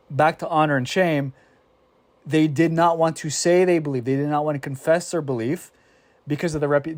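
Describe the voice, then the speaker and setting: Animated man teaching scripture, dry sound. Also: fairly high pitch, no echo. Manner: animated, restarts often, acts out quoted exchanges. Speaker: Bible study teacher. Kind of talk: casual Bible discussion.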